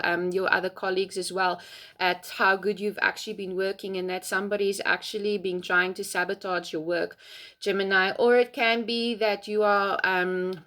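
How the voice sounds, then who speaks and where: A woman giving a gentle, heartfelt tarot reading in a casual spoken style, with frequent ums and pauses. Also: mid-range voice. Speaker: tarot reader.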